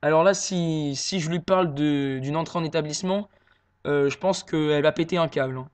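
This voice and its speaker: Posing as a worried son on a prank phone call, a man talks hesitantly with many pauses and fillers. His voice sits a little high, with a clear, resonant tone.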